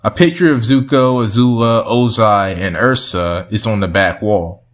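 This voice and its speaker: A man's voice: on the low side, moderate pace. A young man hosting a video, talking casually through a commentary and chuckling often as he goes. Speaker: video host.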